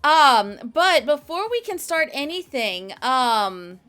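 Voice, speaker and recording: A woman's voice: high-pitched, sing-song, slow, pushed and bright, clear, resonant tone, faint music behind. A woman streamer chatting casually with her viewers, with many fillers, and cooing at her dog. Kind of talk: casual livestream chat.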